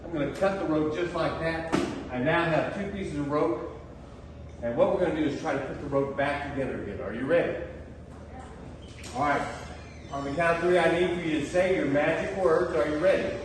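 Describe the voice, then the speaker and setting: A man's voice: on the high side, fairly quick. A man working as a children's party magician, giving playful live show patter with mock surprise and coaxing the audience to join in. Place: large reverberant indoor hall. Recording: echoey noisy hall, distant mic.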